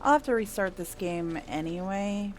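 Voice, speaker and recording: This woman's voice sits at medium pitch and moves at a moderate pace as she gives casual commentary on her game. She rambles, thinks out loud and swears mildly now and then, with video game music and sounds behind.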